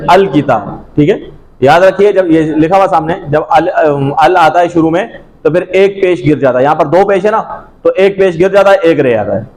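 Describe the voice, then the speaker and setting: Guy teaching a class, kinda high voice, loud, keeps asking and repeating prompts. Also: low-quality recording. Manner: drills students with repeated questions and prompts. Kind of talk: classroom grammar lesson.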